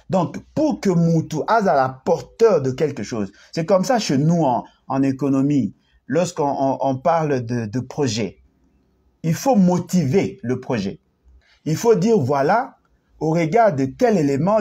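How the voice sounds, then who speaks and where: A man's voice: on the high side, mellow, breathy edge. A man giving analytical commentary, explaining at length, restarting words and slipping into Lingala. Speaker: political commentator.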